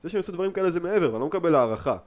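A young man on a podcast, chatting casually and acting out customers and his own replies as he tells work stories. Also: high voice. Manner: animated storyteller acting out customers' lines. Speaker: podcast co-host. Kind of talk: casual chat.

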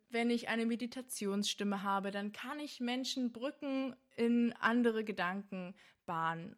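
A woman's voice: fairly high pitch, fairly bright tone. A young woman hosting a podcast on the voice, talking straight to the listener in an earnest, searching way. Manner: earnest, searching, with fillers like "also" and "ja". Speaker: podcast host and voice coach. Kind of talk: casual talk to the listener.

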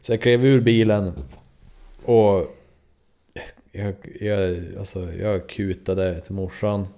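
A man's voice: fairly low pitch, fairly even intonation, mellow. A man in his twenties from Sweden, a podcast host telling a story in a loose, rambling way, full of fillers and swearing. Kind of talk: casual storytelling.

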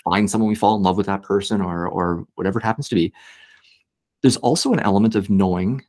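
A man's voice: deep voice, quick pace, darkish tone. A man hosting an interview, speaking thoughtfully and often repeating words as he finds his phrasing. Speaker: podcast host. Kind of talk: conversational interview.

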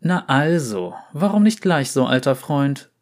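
A man's voice: mid-range voice, very animated, unhurried, darkish tone. A man voicing a brash, violent female enforcer who taunts and threatens in a mocking, cocky way. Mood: taunting. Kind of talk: dramatic story reading.

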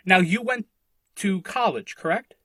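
A man in his early thirties with a fairly high voice for a man. He talks in a casual, thoughtful, rambling way, restarting his sentences often. The recording is dry and close, with no room sound. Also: unhurried, a bit bright, dry recording. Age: 30s. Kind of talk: casual conversation.

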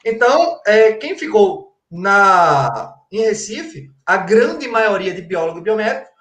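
A man's voice: sits high, sing-song, unhurried, fairly bright tone. Didactic man in a roomy space. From Brazil, Pernambuco. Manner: didactic, colloquial, rhetorical questions, frequent "tá?" check-ins. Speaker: guest, forensic crime-scene expert. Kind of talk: explanatory conversational talk. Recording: roomy echo.

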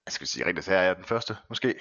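Bright, low-pitched man in relaxed conversation. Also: no room sound, highs cut off. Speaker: podcast guest, film and series reviewer. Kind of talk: casual conversational interview.

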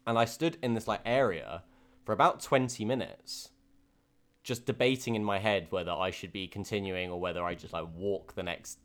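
A young co-host on a laid-back podcast talks frankly about his races in a lowish voice at a moderate pace. He fills his storytelling with fillers and frequent restarts.

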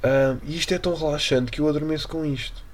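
A young Portuguese man with a European Portuguese accent hosts a casual solo podcast, rambling, joking and using plenty of slang. His voice is fairly high and steady, and he talks fast.

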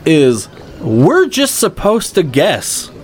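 A man's voice: fairly high pitch, slow pace, a little hiss or hum. A man casually reviewing a movie with a friend, swearing freely and acting out scenes. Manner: profane, animated, acts out scenes.

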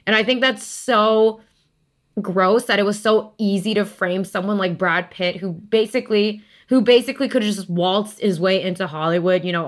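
A woman co-hosting a casual podcast chat, talking in a heated way. She swears freely and drops "like" into almost every sentence. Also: fairly low pitch. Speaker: podcast co-host.

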